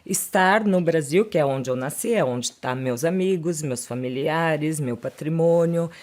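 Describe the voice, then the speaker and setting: A woman's voice: sits low, measured pace, darkish tone. A woman with a Brazilian Portuguese accent, a lawyer talking fluently as a podcast guest, often adding little tag questions. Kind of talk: casual interview chat.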